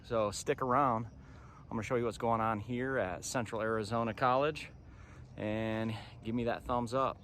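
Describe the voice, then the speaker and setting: A man's voice: mid-range voice, steady tone, moderate pace. An American man in his thirties talking informally to camera as a vlog host, recapping things conversationally. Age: 30s. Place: outdoors, park path and parking lot. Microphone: phone at arm's length. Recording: faint outdoor background noise.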